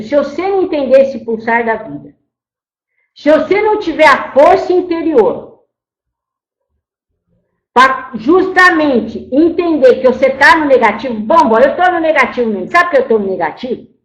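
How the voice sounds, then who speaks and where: A woman's voice: sits high, animated, moderate pace. A woman voicing the spirit of an old, once-enslaved grandmother. In a channeled spiritual talk, she scolds her listeners and calls them "my child". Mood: scolding. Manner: storytelling, repeats "my child", scolds then grieves. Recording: roomy echo.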